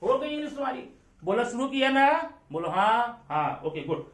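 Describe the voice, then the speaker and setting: A man leads an English grammar lesson, repeating example sentences slowly and checking in with students through quick questions. His voice carries a roomy echo, as if the mic sits well away from him. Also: extremely high pitch, sing-song, fairly bright tone, distant mic. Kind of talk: classroom-style grammar lesson.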